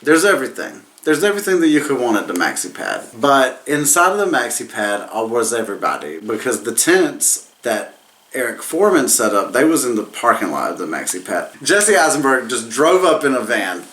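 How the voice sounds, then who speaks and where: Tipsy, rambling man with swinging pitch. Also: big pitch swings, a little fast, fairly bright tone. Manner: repeats and loses his thread. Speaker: movie reviewer, host. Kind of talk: casual comedic plot recap.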